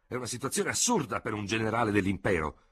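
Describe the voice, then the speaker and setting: A man's voice: medium pitch, sing-song, a little fast, breathy edge, voice pushed up, exaggerated voice. A man voicing an outraged proud old general. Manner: indignant, shouting. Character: angry proud old male general, stubborn. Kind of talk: radio audiobook reading.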